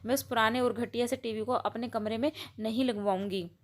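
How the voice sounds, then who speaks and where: Woman doing a spoiled new bride, bossy and whiny, kinda high voice. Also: fairly even intonation, a little fast, close to an everyday voice. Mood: angry. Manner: complaining, bossy, shrill scolding. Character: spoiled, haughty young bride, demanding.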